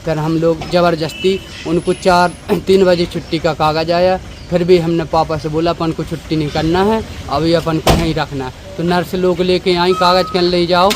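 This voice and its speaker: A grieving man tells his story in a hurried, repetitive way, full of respectful "sir"s. His voice sits somewhat high. The noisy outdoor recording has traffic and street sound underneath. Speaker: bereaved son of the patient. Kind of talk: distressed eyewitness account to a reporter.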